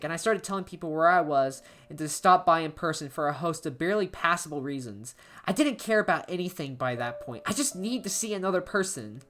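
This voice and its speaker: With soft music underneath, a woman tells a horror story in a dramatic, amateur style. Her voice sits low, and her intonation is very lively.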